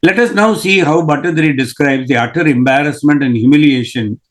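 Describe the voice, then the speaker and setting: A man from South India, giving a devotional scripture lecture in a measured, explanatory way, reciting Sanskrit verses. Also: on the high side. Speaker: religious teacher.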